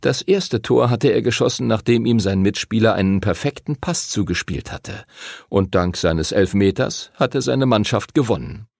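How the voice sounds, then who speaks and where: Male audiobook narrator, husky and lively, dry studio sound. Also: on the low side, normal speed, no echo. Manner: expressive, voices characters. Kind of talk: scripted narration.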